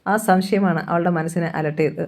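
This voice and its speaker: A woman's voice: on the low side, steady tone, moderate pace, a little mellow. A woman with a Malayali accent reading a novel aloud, voicing every character's dialogue in her own voice.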